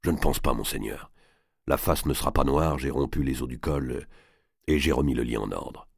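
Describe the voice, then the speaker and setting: Man voicing a secretive henchman, low murmur, storybook villain. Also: moderate pace, creaky, husky, no room sound, studio quality, full character voice. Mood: hushed. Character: stealthy male henchman, night killer.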